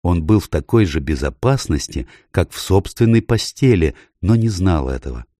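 A man reading an audiobook aloud in a measured, expressive storytelling manner. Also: low-pitched, no room sound, clean studio sound. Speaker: audiobook narrator. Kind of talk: scripted audiobook narration.

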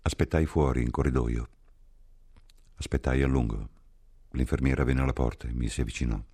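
A man reading a literary novel aloud as an audiobook, in a grave, measured and hushed manner. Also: rumbling low, steady tone, husky. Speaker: audiobook reader. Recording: soft music behind.

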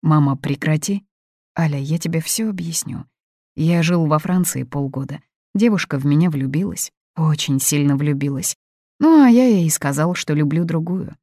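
A woman's voice: sits low, moderate pace, dark tone, no echo, studio quality. A woman reading an audiobook, voicing a meek young man who speaks mildly and apologetically. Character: meek young man under his mother's thumb.

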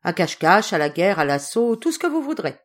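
A woman's voice: lowish voice, very animated, fairly quick. A woman voicing a stern, irascible old male general in a storybook reading, speaking harshly. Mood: jovial. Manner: harsh, scolding.

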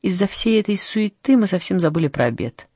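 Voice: mid-range voice, big pitch swings, brisk, a little mellow, no room sound. A reader giving voice to a flustered young man from an audiobook, sheepish and playful. His mid-range voice sits dry and close, with no room around it. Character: flustered, evasive young man, devil's envoy.

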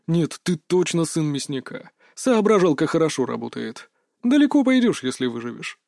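A man voicing a calm, mocking male kidnapper boss who talks with quiet menace. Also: a little high, moderate pace, vocal fry, no echo, studio quality. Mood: menacing.

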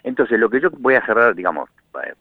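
A man's voice: mid-range voice, very animated, a little fast, dry recording. An Argentine man, a radio correspondent, calling in and talking in an impassioned, indignant way with many restarts. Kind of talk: phone-in radio commentary. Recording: tinny phone line.

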